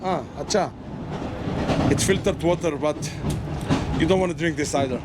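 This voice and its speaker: A man doing casual on-the-go travel commentary, talking to viewers in short, repeated phrases. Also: fast talker. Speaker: travel vlogger. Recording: loud train noise behind. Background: train rumble and ambience.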